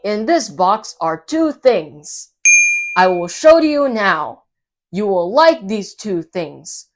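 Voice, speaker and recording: A woman's voice: mid-range voice, very animated, takes it slowly. A woman voicing a mischievous, boastful male cat in a children's storybook, cheerful and showy as he declaims in rhyme.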